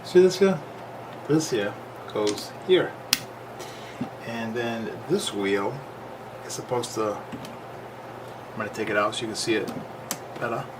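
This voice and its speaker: Speaking slowly with long pauses in a lowish voice, this repair video host works through a casual, hands-on fix without a script. He talks plainly and thinks out loud, and the camera audio is noisy, with loud background sound.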